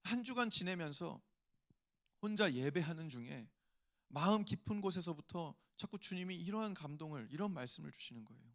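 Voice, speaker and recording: A man's voice: on the high side, animated, brisk, fairly bright tone. A male pastor preaching a sermon, telling a personal story and acting out inner voices before rising to emphatic appeals.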